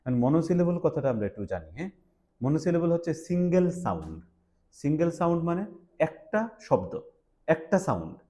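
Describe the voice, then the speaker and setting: A man's voice: fairly high pitch, very animated, normal speed, mellow. A young man teaching an English class, quizzing his students and mixing English words into his explanations. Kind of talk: classroom lecture.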